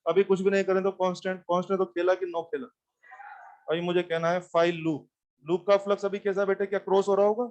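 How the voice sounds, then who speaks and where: A man teaching physics to a class, animated and often repeating questions back to students. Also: sits high, quick pace, muffled recording. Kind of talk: classroom lecture.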